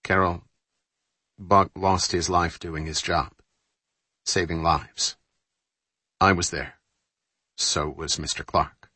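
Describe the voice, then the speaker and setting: A calm grown man speaks evenly and quietly, low and reassuring, read by a male narrator. The audiobook sound is dry and close. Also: slow, pauses often, husky, dry recording, exaggerated voice. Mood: steady.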